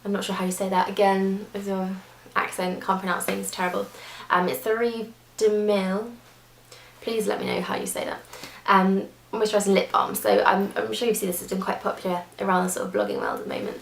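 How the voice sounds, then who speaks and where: Chatty woman, gravelly, roomy sound. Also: medium pitch, lively intonation, fast, hardly any pauses, slight background noise. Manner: chatty, gushing, lots of fillers and restarts. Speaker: beauty vlogger. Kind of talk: casual product review. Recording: echoey room.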